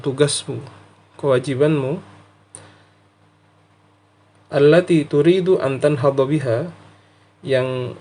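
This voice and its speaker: Man, Indonesian accent, medium pitch, teacher, reading and translating phrase by phrase, deliberate over-enunciation. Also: darkish tone. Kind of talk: Arabic text reading lesson with word-by-word translation.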